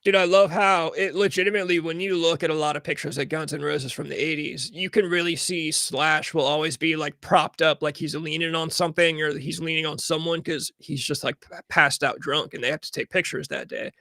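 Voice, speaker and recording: Guy hosting a podcast, excited rambling chat, bright voice, dry sound. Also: fairly high pitch, brisk, hardly any pauses, dry recording. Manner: excited, swearing, acts out quotes. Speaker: podcast host. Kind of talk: casual chat.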